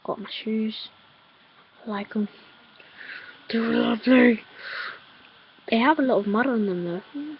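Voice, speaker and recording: A woman vlogging casually with hiccups, halting and giggly, full of fillers. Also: a little high, lo-fi sound, slight background noise. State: has hiccups. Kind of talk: casual vlog chat.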